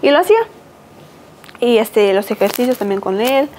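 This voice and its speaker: Halting Mexican woman, higher voice. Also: lively intonation, darkish tone, slight background noise, rough recording. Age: 30s. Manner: halting, with many fillers and restarts. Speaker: guest. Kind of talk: personal testimony in a podcast interview.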